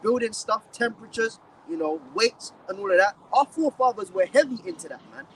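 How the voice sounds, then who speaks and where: A man's voice: high voice, expressive, a little fast, distant mic, a little hiss or hum, rough recording. A man with a London accent preaching outdoors, lecturing emphatically and reading scripture aloud. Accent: London English. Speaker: street preacher. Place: outdoors in a city street.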